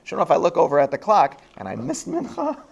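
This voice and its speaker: A rabbi telling a self-deprecating funny story to a school audience, animated and laughing as he goes. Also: on the high side, fast talker, vocal fry, husky, lo-fi sound. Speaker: rabbi giving a talk at a high school. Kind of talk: humorous personal storytelling.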